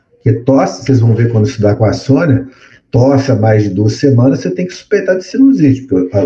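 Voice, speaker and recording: Guy teaching a med class, keeps checking in w/ the students, warm low-key voice, kinda muffled recording. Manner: explanatory, repeats words for effect, frequent tag questions. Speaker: medical lecturer. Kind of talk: classroom lecture.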